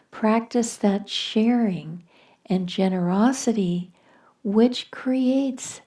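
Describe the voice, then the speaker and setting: A woman speaks slowly in a warm, mellow voice, giving a reflective spiritual talk. Her delivery is gentle and measured, and her words often sink to a soft near-whisper as she tells a story. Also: mid-range voice. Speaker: spiritual teacher.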